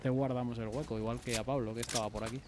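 A man from Spain with a Spanish accent, streaming a game live with friends, excitable and repeating his calls out loud. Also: medium pitch, rapid-fire, very noisy. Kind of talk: live gaming chat.

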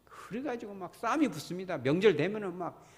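A male pastor preaches with a lively, swinging pitch that sits a little high for a man. He talks to the congregation in a chatty way, acts out other people's voices and keeps asking them questions. The sound carries a long church-hall reverb. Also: fairly quick. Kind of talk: sermon. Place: church sanctuary.

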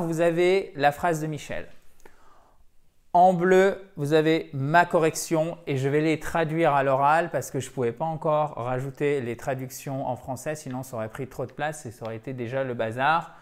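A man whose first language is French, giving a video English lesson. He explains patiently, repeats key words and keeps checking in with the viewer. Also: a little high. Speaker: English teacher.

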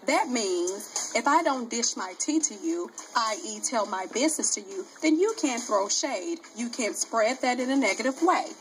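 A woman's voice: a little high, lively intonation, moderate pace, few pauses, a little hiss or hum. A woman speaking in a reality show confessional, with a flamboyant, theatrical manner, sometimes calling herself she. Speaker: reality TV cast member. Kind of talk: confessional TV interview. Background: music.

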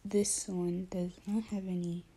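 Sleepy lady whispering to her viewers, flat slow voice, lots of ums, faint hiss behind. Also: on the low side. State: just woken up, tired. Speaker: vlogger. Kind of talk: casual whispered chat to viewers. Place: home, early morning.

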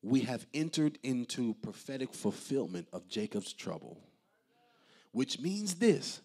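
A man's voice: mid-range voice, very animated, measured pace, mellow, slightly rough. A male pastor preaching a sermon in a church, impassioned and rhythmic, with repeated refrains. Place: church sanctuary.

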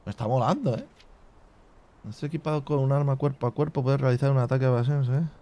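A man's voice: medium pitch, quick pace, mellow. Chatty man thinking aloud over a game. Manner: thinks aloud, reading game menus half to himself; chatty asides to viewers with filler tags like "tío". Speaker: gaming channel host. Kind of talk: casual let's play commentary.

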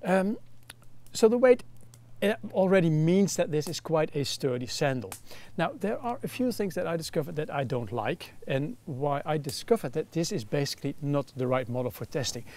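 A man's voice: fairly high pitch, lively intonation, moderate pace, a little mellow. Dutch-accented man reviewing outdoor gear. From Netherlands. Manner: explains in detail with frequent fillers. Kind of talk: casual product review. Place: outdoor shelter by a campfire.

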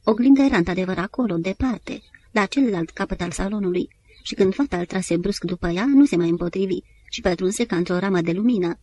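A woman narrating an audiobook in a measured storytelling manner. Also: medium pitch, mellow. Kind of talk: scripted literary narration.

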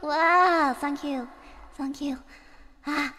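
Her voice is high, pushed and bright, and she talks very slowly, with a long reverb tail behind it. Between songs on her karaoke stream, this belting singer giggles, chats, and reads messages from chat out loud.

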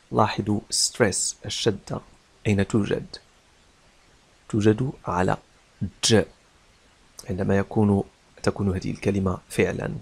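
Man, teacher, vocabulary lesson, low voice, gravelly, slow repeated word drills. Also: darkish tone. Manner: reads English words slowly and repeats them, explains quickly in between. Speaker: English teacher. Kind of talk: vocabulary lesson from a news article.

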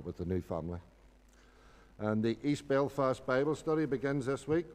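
Low-voiced Northern Irish man in a reverberant hall. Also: darkish tone. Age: middle-aged. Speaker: church announcer. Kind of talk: informal church announcements. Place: indoor church hall at a lectern. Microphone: gooseneck lectern microphone.

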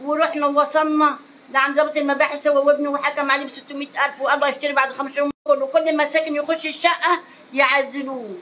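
A woman's voice: high voice, little pitch movement, racing, fairly bright tone, a little hiss or hum. An older woman with a Cairo Egyptian accent, a market vendor in a street interview, pleading and repeating oaths and prayers. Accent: Egyptian Arabic (Cairo).

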